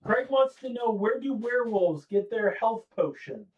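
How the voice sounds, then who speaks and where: A man's voice: very high-pitched, animated, normal speed, recorded from a distance, narrow, tinny audio. A man co-hosting a casual livestream, playful and reading out viewer comments. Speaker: livestream co-host reading chat. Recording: voice from away from the mic.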